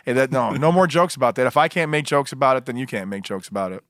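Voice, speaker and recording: A man's voice: mid-range voice, animated, fast, fairly bright tone, no echo, studio quality. A man hosting a podcast who interviews his guest in a playful, teasing way. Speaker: podcast host.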